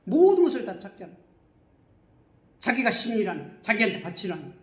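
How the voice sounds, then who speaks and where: A man's voice: high voice, sing-song, fairly quick, darkish tone, roomy sound. A man preaching a sermon as pastor, who keeps asking the congregation questions and then answering them himself.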